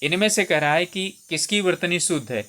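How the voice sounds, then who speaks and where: Guy tutoring for a hindi exam, slightly high voice, goes through spelling questions one by one, keeps saying theek hai. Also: expressive, a little fast, bright, forceful tone. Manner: explains step by step, repeats words and says "theek hai" often.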